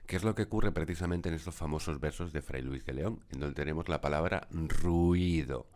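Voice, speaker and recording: A man with an extremely low voice talks through a lesson over his screen recording. He explains step by step in a measured, patient way and often pauses on small fillers. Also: darkish tone. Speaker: teacher.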